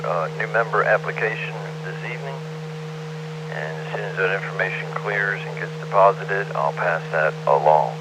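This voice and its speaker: A man hosts a ham radio net over a muffled transmission with a steady hiss of static. His voice sits low, and he is relaxed and thankful as he hands the floor from one station to the next. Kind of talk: on-air radio net chat.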